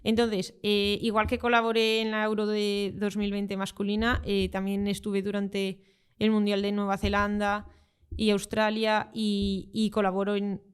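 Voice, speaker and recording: In easygoing interview answers, a young Spanish football translator walks through what her job involves. She speaks in a clear, smooth, mid-pitched voice, explaining things calmly and frequently stopping on filler words to gather her thoughts.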